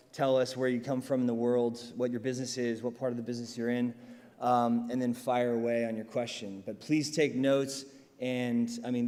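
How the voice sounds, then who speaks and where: A man's voice: medium pitch, darkish tone. A man moderating a conference panel, upbeat and chatty, with many ums and uhs. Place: large conference hall. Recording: long hall reverb.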